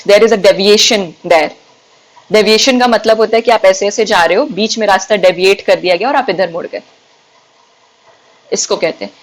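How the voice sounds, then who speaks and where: A young Indian woman teaches an exam-prep lesson, her voice sitting a little high. She reads each definition out at an unhurried, deliberate pace and explains it point by point. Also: rough recording. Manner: explains step by step, switching between Hindi and English, reads definitions slowly. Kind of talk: bilingual exam-prep lecture.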